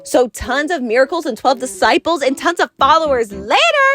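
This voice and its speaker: A woman's voice: high voice, sing-song, normal speed, fairly bright tone. A woman playing a bubbly, gossipy teenage valley girl with a Californian accent, telling a comic story in gushing, dramatic slang. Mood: breezy, gossipy. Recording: faint music behind the voice.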